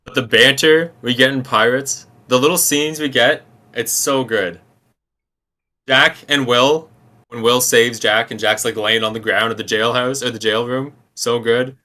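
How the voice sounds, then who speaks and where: A man's voice: mid-range voice, steady tone, unhurried, bright, forceful tone. A young man co-hosting a casual podcast chat, playful and teasing. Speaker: podcast co-host.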